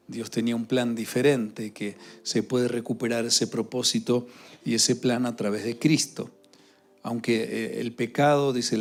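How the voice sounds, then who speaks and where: A male pastor preaching a sermon, pausing often with filler sounds and repeated words. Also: medium pitch. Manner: grows louder and more fervent toward the close.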